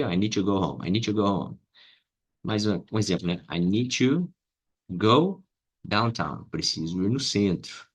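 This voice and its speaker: A man teaching English with a Brazilian Portuguese accent, explaining slowly and repeating example phrases to his students. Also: fairly low pitch, fairly bright tone, breathy edge. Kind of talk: casual lesson to camera.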